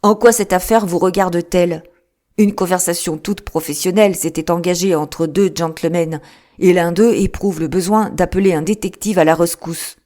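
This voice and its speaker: A woman voicing a brisk, businesslike male lawyer in an audiobook, quick to take offence. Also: on the low side, steady tone, dark tone, lightly acted. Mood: irritated. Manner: plain, businesslike, quickly irritated. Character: brisk, touchy middle-aged male lawyer. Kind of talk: audiobook character reading.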